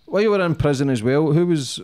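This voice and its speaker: A man's voice: on the high side, lively intonation, fast, darkish tone. A man in his thirties with a Glaswegian Scottish accent, interviewing casually in informal, sweary language as a podcast host. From Scotland. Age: 30s. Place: small office used as podcast room. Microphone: desk microphone on boom arm.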